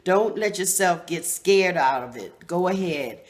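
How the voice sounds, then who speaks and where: A woman's voice: lowish voice, animated, a little slow. A woman who leads a nonprofit, speaking in an earnest, encouraging, slightly preachy way in a casual interview. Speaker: nonprofit leader, guest.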